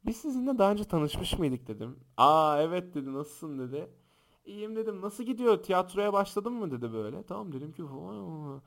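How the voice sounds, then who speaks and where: A young man hosting a podcast, telling funny stories and acting out the shouting people in them. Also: high-pitched, fairly quick. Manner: animated, acts out quoted shouts and voices. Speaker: podcast host. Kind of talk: casual podcast storytelling. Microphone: close podcast microphone.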